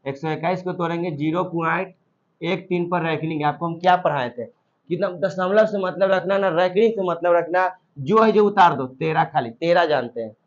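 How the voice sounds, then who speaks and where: High-voiced male math teacher, drills and quizzes the class, lo-fi sound. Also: moderate pace. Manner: repetitive, quizzing students, drilling answers. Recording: dull lo-fi recording.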